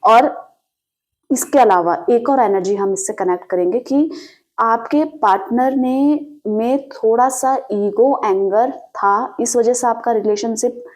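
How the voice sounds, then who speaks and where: Slowly and in a fairly high, darkish voice, a woman gives a direct-to-camera tarot reading. She explains at length to the listener, poses rhetorical questions, and uses frequent fillers.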